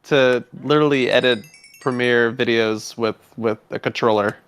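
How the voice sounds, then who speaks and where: A man's voice: mid-range voice, fairly even intonation, moderate pace, crowd noise, low-quality recording. A man co-hosting a live gaming stream, talking enthusiastically about his own tech tricks. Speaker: gaming podcast co-host. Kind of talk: casual live-stream chat.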